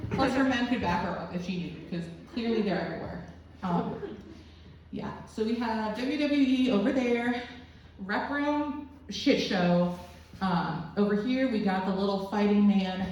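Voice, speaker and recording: A young woman telling a rambling, crude stand-up story full of self-deprecating asides. Her voice sits at an ordinary middle pitch. It is caught from a distance in a very echoey room with faint noise underneath. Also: darkish tone, muffled recording. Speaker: stand-up comedian. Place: small student comedy club room.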